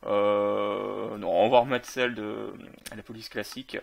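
A man's voice: fairly low pitch, level tone, unhurried, vocal fry. A man casually commenting on a video game while playing, with many fillers and self-corrections. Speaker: gaming video creator.

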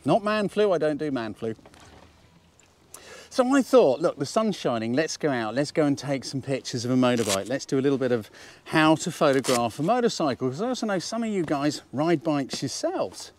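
A British man in his fifties with a squeaky voice from a cold, chatting casually and jokily as he teaches outdoors, often asking rhetorical questions. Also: animated, moderate pace, slight background noise. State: has a cold. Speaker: photography instructor and presenter. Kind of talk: casual instructional talk to camera. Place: outdoors at a waterside harbour slipway.

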